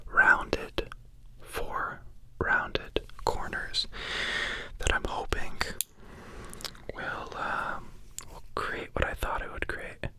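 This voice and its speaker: A person giving hushed ASMR commentary while carving soap, whispering in an unhurried murmur and softly repeating words. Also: very high-pitched.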